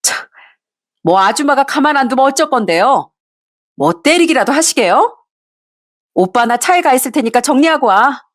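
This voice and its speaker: A woman's voice: high-pitched, expressive, normal speed, long pauses, voice pushed up. A woman voicing a shameless young mistress who mocks and taunts. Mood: taunting. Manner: mocking, taunting.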